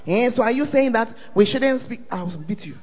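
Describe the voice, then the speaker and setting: A Ghanaian pastor delivers an animated sermon in a very high, lively voice, speaking fairly quickly with a Ghanaian English accent and swooping up and down in pitch. He works the congregation in call-and-response style, often asking "are you there?" The audio is dull and slightly muffled, with a long church-hall echo trailing each phrase.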